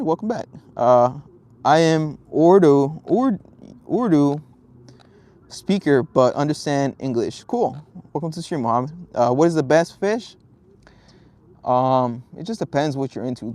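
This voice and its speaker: With a fairly high pitch and a darkish tone, this young man from Southern California hangs out at a lake on a fishing livestream. He reads out viewer comments casually, rambling and relaxed, with plenty of ums.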